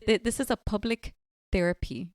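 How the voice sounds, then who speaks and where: A woman's voice: medium pitch, moderate pace, dry recording, studio quality. A woman co-hosting a casual podcast chat, talking freely with lots of "like" and "you know". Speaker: podcast co-host.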